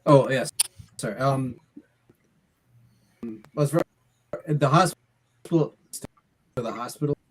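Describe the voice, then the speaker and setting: A man speaking haltingly on a video call, his audio glitching and breaking up. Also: mid-range voice. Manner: halting, hesitant, trailing off. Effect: choppy, glitching call audio that breaks up. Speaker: stroke survivor guest on a video call.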